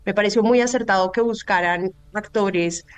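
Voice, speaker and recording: A woman reflecting at length as a radio panel guest, her sentences long and flowing. Her voice sits at a middle pitch. The recording is close and dry, with no room sound. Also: normal speed, no room sound.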